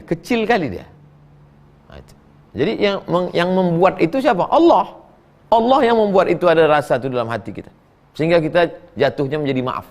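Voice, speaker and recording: A middle-aged man preaching, reading listeners' questions and answering them in a folksy, joking way, his voice swinging between high and low as he acts out quotes. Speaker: Islamic preacher. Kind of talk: sermon answering read-out questions.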